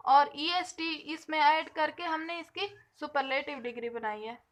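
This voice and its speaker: A woman teaching an English grammar lesson, explaining patiently and slowly stretching out the example words. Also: sits high.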